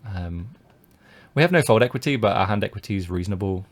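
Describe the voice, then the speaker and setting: Talking fast with lively intonation, a British man who coaches poker gives casual commentary on his live-streamed tournament play, explaining each decision. His voice is on the low side. He thinks out loud, full of fillers and restarts.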